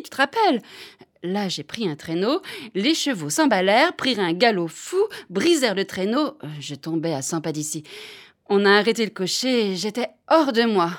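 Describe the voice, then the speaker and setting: An actress playing a quick-witted society lady, breathless and theatrical in a radio drama. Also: mid-range voice.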